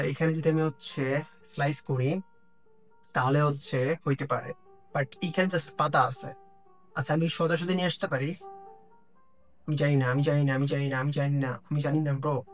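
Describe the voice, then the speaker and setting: Young man thinking aloud while playing. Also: a little high. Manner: excited, mixing English phrases into his talk. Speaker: gaming YouTuber. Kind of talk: casual gameplay commentary. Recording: music playing faintly behind.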